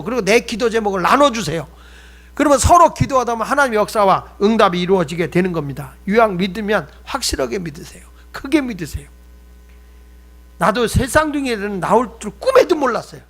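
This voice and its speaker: A man's voice: sits high, a bit bright. A male pastor preaching a sermon, telling humorous stories and talking directly to the congregation.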